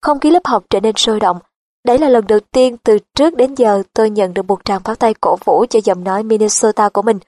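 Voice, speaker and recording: A woman reading a nonfiction audiobook in an even, measured narration style. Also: mid-range voice, no room sound.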